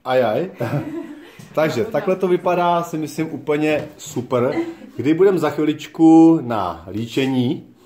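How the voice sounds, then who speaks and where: A man's voice: fairly high pitch, lively intonation, reverberant, a crowd in the background. A man in his thirties hosting a casual handheld vlog in a small hair salon, joking and drawing out his words as he films on a phone held at arm's length. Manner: playful, jokey, drawn-out phrasing. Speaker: vlog host. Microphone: phone camera at arm's length.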